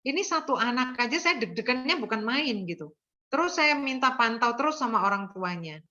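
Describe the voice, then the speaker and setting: A woman's voice: on the high side, expressive, fairly quick, sharp tone, dull audio. An older woman, a nursing lecturer, giving an earnest lecture full of anecdotes and often checking in with her listeners. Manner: earnest, tags sentences with "ya".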